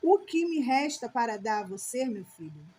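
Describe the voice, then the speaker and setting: A woman's voice: fairly high pitch, big pitch swings, moderate pace, dark tone, breathy edge. A woman reading the lines of an old blind father, solemn and grave, in her own voice.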